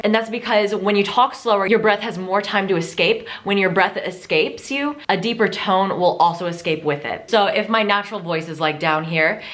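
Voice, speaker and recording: A woman's voice: medium pitch, fairly bright tone. A young woman vlogger chatting frankly to camera and sharing vocal training tips, with casual swearing and filler words.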